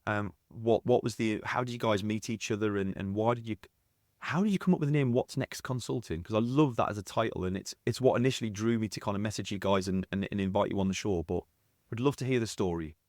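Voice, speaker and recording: A man with a Sunderland accent softened towards posh, hosting a podcast in a casual interviewing style. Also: on the low side, quick pace, dry recording, studio quality. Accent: Sunderland (Mackem), softened and posh. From North East England. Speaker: podcast host.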